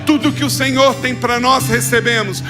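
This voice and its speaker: A Brazilian pastor preaching and then praying with rising, fervent declarations, with stretches of speaking in tongues. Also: male voice, very high-pitched, steady tone, moderate pace, over music. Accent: Brazilian Portuguese. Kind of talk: sermon and fervent closing prayer. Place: church service.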